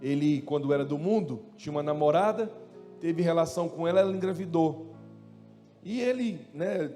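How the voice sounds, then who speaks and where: A man's voice: fairly high pitch, normal speed, warm tone. A man with a Brazilian accent, a pastor preaching a sermon in a chatty, storytelling way with humor. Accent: Brazilian Portuguese. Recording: long hall reverb with faint music.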